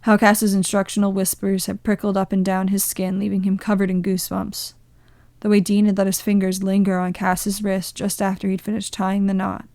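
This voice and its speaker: A woman reading a story aloud as narrator, in a gentle, measured way. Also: medium pitch, monotone, dry recording. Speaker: podfic reader. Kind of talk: scripted narration.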